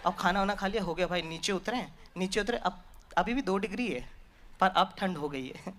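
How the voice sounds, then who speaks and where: A man's voice: sits high, moderate pace, fairly bright tone. A man telling a casual, conversational stand-up comedy story on stage.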